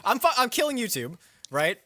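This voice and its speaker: A man's voice: sits high, a little fast. A man hosting a casual podcast with friends, rambling and joking as he talks. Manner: rambling, joking, animated, swears freely. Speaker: podcast host. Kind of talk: casual banter among friends.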